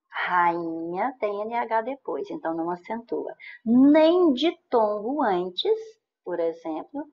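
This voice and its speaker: A woman's voice: medium pitch, a little mellow, slight background noise. Brazilian woman teaching grammar, slightly dull recording. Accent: Brazilian Portuguese. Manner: explanatory, stretches key words slowly, checks in with "né?" and "certo?". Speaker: Portuguese teacher. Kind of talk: exam-question lesson.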